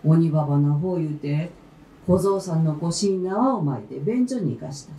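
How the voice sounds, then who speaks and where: A woman's voice: low-pitched, normal speed, slight background noise. Woman telling an old folktale live. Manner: lively, expressive storytelling in dialect. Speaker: folktale storyteller. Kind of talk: live folktale narration with flute and shamisen. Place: concert venue. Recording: roomy live hall with faint instruments. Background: faint traditional instruments.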